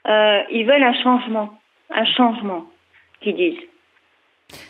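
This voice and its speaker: A woman's voice: mid-range voice, slow pace. A woman in her fifties of Portuguese family, a retired social mediator, talking hesitantly with many fillers on a radio phone-in. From Portugal (parents). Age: 50s. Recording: tinny phone line.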